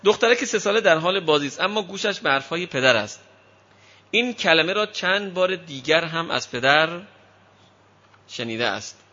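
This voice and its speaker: A man giving a talk on raising children to an audience. He tells lively stories and acts out the voices of parents and children. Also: a little high, lo-fi sound. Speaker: parenting lecturer. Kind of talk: speaking to an audience on child upbringing.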